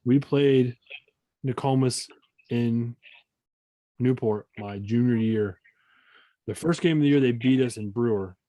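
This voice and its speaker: A man in his thirties from Maine, a podcast host telling rambling high school basketball stories in casual chat, swearing now and then. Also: measured pace, pauses often, warm tone, no room sound, rough recording. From Maine, USA.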